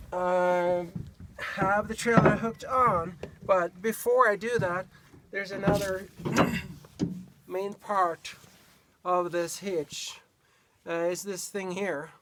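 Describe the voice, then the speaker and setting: A high-pitched Norwegian DIY vlogger with a Norwegian accent demonstrates a hitch step by step outdoors beside a pickup truck bed. He speaks haltingly, searching for words and using many fillers, and his camera mic picks up heavy background noise.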